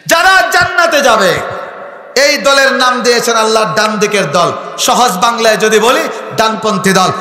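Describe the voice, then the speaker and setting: Male preacher from Habiganj, high and sharp, fiery sermon with shouted questions, echoey hall. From Habiganj, Bangladesh. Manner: rhetorical, quizzing the crowd, bursts into shouting. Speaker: Islamic preacher. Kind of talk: fiery sermon at a religious gathering. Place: large religious gathering over a loudspeaker. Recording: echoey hall with long reverb.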